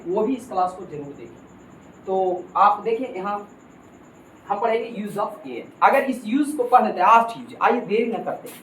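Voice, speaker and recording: A man teaching a grammar lesson, emphatic and repetitive, constantly addressing his students as kids. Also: high-pitched. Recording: echoey room with faint ambient noise.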